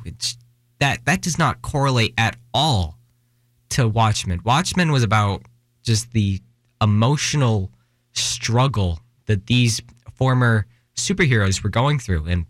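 A young man in Washington, US, rambles through his casual solo podcast, restarting frequently, using fillers, joking about himself, and losing his breath. He has a mid-range voice, recorded cleanly in a studio with no echo.

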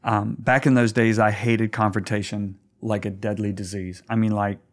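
A man's voice: on the low side, level tone, moderate pace. A man, a guest pastor, talking earnestly in a conversational interview, often stammering and restarting as he tells stories.

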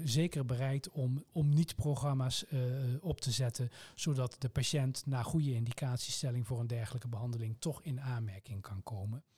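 Measured Dutch man explaining calmly. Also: medium pitch. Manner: measured, formal, explains with precise terms. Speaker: medical oncologist guest. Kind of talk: explanatory interview answers.

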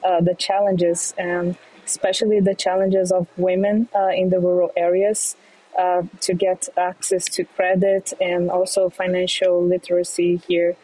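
A Brazilian woman in her thirties, a fintech entrepreneur, answers interview questions in English as a guest. Her lowish voice stays level, and she speaks haltingly with many fillers, restarts and soft laughs. The recording is low quality but has no echo.

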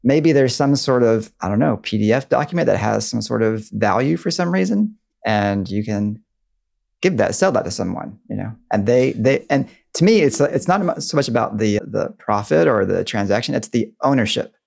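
A man's voice: mid-range voice, expressive, moderate pace, creaky, darkish tone. A man chatting on a podcast, sharing thoughtful, slightly hesitant opinions. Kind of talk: casual chat.

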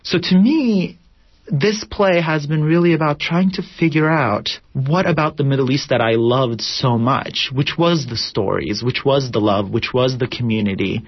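A man's voice: mid-range voice, normal speed, slightly rough, no room sound. A man from Turkey, a theater director, answering interview questions in a thoughtful, reflective way with many fillers. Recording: dull lo-fi radio broadcast.

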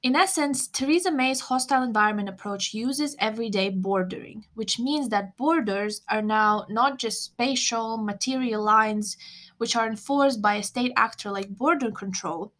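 A young woman hosting a scripted podcast, explaining in a measured way with wry asides. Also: fairly high pitch, a bit bright. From Lithuania. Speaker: podcast host.

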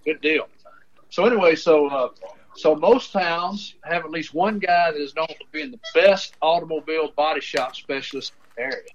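A man's voice: a little high, normal speed. Older man on muffled speakerphone. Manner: rambling, restarts often. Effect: heard over a phone speaker. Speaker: author and storyteller. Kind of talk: folksy storytelling.

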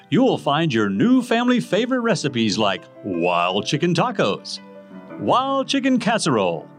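A man's voice: a little high, fairly bright tone. A man announcing a parody infomercial in a hard-selling, emphatic way.

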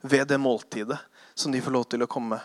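A man preaching a sermon, retelling Bible stories with lively acted-out voices and sudden hushed passages. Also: medium pitch, no echo. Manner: animated storytelling, acting out voices, drops to hushed tones.

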